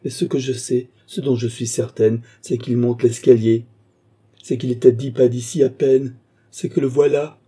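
A man's voice: medium pitch, moderate pace, warm tone, slightly rough, lightly acted. A man reading an audiobook, voicing a terrified, pleading young woman. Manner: pleading, frightened.

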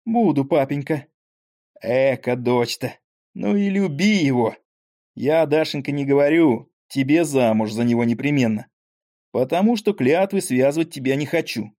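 A man's voice: mid-range voice, animated, normal speed, mellow, close to an everyday voice. Man doing a frail rambling old father. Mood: weak, tender. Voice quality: weak voice. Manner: rambling folksy speech. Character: frail old dying father, talkative, grumbling.

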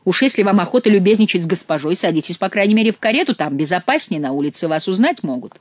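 A reader voicing a gruff, ever-grumbling male soldier who scolds bluntly and swears oaths. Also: mid-range voice, animated, quick pace, dry recording, pitched above the performer's own voice, lightly acted. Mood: scolding.

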